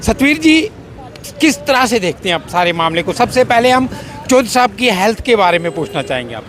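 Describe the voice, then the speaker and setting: A man hosting a news interview, speaking in a measured way with some hesitant fillers. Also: high voice, big pitch swings, fairly bright tone. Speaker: interviewer host. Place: outdoors by a road.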